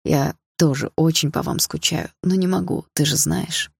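A tender young father in an audiobook , acted by a woman, low and gravelly, speaking slowly and softly. Dry, close sound. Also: steady tone, dry recording, heavily acted. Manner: slow, soft, tender. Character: gentle young father, a pilot, seen in a dream.

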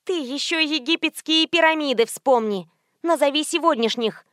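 A bossy socialite lady snaps out demands, her voice pitched well above the narrator's own and pushed out louder and harder, as a woman reads her in an audiobook. She is curt and impatient throughout, and the sound is close and dry. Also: big pitch swings, moderate pace, dry recording. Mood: pushy. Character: pushy, brash female socialite on the phone.

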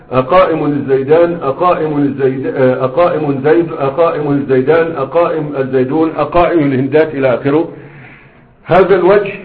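A man with an Egyptian accent teaching an Arabic grammar lesson, constantly quizzing his students with rhetorical questions and drilling examples one by one. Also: a little high. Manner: slow, repeated drilling of examples. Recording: echoey room over a thin phone-like line.

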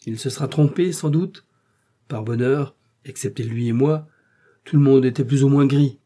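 A man's voice: mid-range voice, normal speed, warm tone, close to an everyday voice. A man voicing a chatty, wryly amused male family friend in a storybook reading.

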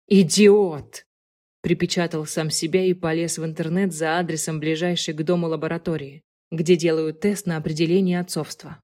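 A woman narrating an audiobook in a calm, soft, even manner. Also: low voice.

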